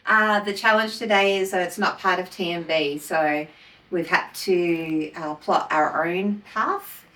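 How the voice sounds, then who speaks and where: A woman's voice: fairly low pitch, measured pace, pushed and bright, rough recording. A woman chatting upbeat on a mountain hiking trail, talking into a handheld camera. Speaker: travel vlogger. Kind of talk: casual vlog chat. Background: background music.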